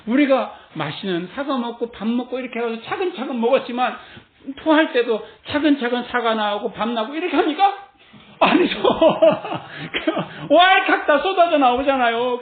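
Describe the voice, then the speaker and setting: A woman delivers a sermon with lively energy, often laughing as she preaches. Her voice comes through narrow and tinny, like a phone line. It rings in a roomy, echoing space. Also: high voice. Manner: animated, acts out quoted voices, laughs often. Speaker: pastor. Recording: tinny phone-like sound in an echoey room.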